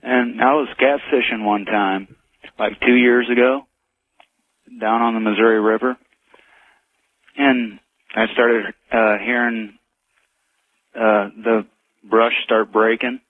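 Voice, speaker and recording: A man calling in to a radio show, telling an eerie encounter in a halting, plain way over a phone line. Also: medium pitch, fairly even intonation. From United States. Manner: halting, plain storytelling with pauses. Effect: phone line call-in audio. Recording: dry tinny phone line.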